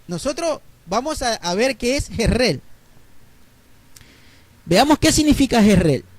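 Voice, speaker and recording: A man preaching a Bible teaching sermon, explaining word roots slowly and checking in with his listeners. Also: extremely high pitch, very animated, no echo. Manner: explains slowly, spells letters out, asks listeners ¿verdad?.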